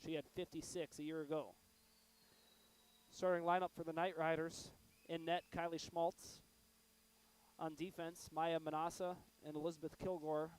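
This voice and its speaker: A man with a sore throat announcing live from an arena broadcast booth, talking in a monotone. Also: a little high, moderate pace, clean tone, poor audio. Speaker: play-by-play announcer.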